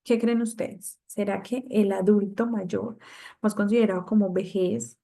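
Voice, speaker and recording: Gravelly-voiced woman teaching an online class. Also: mid-range voice, steady tone, a little slow, dark tone. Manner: reads out and answers participants' comments. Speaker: course instructor.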